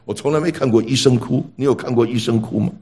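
A man preaches a sermon built around a personal story, speaking fast and animatedly with a mid-range, slightly breathy voice. He uses rhetorical questions and stammers into restarts.

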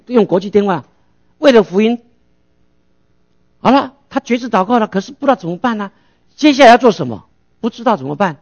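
A man's voice: high voice, creaky, a little mellow, muffled recording. A male pastor preaching a sermon, asking rhetorical questions and answering them himself.

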